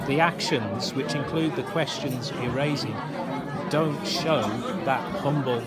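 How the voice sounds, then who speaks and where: A man's voice: mid-range voice, a little slow, over a noisy crowd. Mediating British man, covertly recorded in noisy hall. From United Kingdom. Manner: mediating, explanatory. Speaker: congregation elder. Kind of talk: informal private conversation. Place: large hall indoors with people talking. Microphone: hidden recorder on another person.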